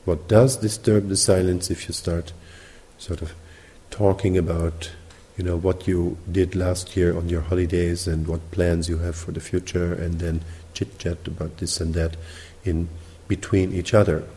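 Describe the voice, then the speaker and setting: A man with a mixed British, Dutch and Sinhalese accent, teaching meditation at a retreat in measured, explanatory phrases with pauses. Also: low voice, level tone, warm tone. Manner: measured, explanatory, pausing between short phrases. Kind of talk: spoken retreat instruction. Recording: reverberant hall.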